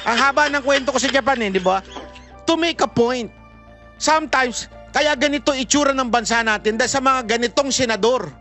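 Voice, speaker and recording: Bright-voiced laughing vlogger man. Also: extremely high pitch, a little fast, soft background music. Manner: mixes Tagalog and English, laughs often, animated retelling. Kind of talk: casual commentary storytelling.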